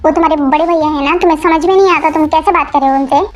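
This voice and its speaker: A firm young sister-in-law scolds in a very high voice, as a woman acts her out. She is a figure in a voiced fan-fiction audio story. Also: fairly even intonation, rapid-fire, faint music behind, close to an everyday voice. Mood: scolding.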